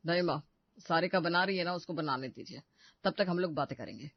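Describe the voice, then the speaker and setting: A woman's voice: on the low side, brisk, dry recording. A woman voicing a defensive young husband. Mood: placating. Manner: defensive, placating and exasperated. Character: young husband caught between wife and mother. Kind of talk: animated family story voice acting. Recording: dry, slightly dull studio recording.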